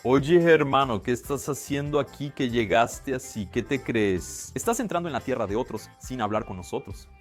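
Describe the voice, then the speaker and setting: A gruff male goat guarding his turf, as a man puts him on. He drawls out pointed, challenging questions at an outsider. Mid-pitched and everyday in tone, with faint music underneath. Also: lively intonation, normal speed, few pauses, lightly acted. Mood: hostile.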